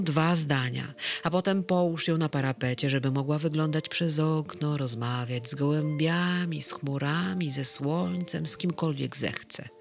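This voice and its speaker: A reader voicing a calm, kindly male keeper of dreams in a bedtime story, speaking gently and a little solemnly. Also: mid-range voice, vocal fry. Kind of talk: children's storybook reading.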